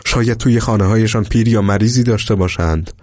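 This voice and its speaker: A man's voice: fairly low pitch, darkish tone, dry recording, studio quality, pitched above the performer's own voice, close to an everyday voice. A man voicing an earnest male military commander giving instructions to his troops in a storybook reading.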